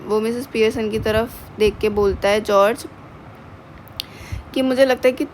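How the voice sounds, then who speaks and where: A woman teacher explains a play to her students, reading lines in English and then explaining them in Hindi. Her voice is fairly high with fairly even intonation and a moderate pace. The low-quality recording carries slight background noise.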